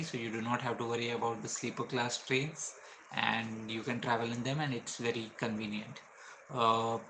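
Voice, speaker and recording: A man's voice: mid-range voice, pushed and bright, a little hiss or hum, low-quality recording. A man with an Indian English accent, a travel vlogger explaining train options step by step with frequent fillers.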